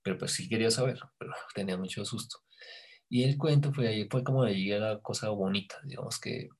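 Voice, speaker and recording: A man recounting a past experience in casual conversation, hesitant and searching for words, often dropping to a hushed near-whisper when he quotes his own thoughts. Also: lowish voice, fast. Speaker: storyteller in a conversation. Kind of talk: casual spoken recollection.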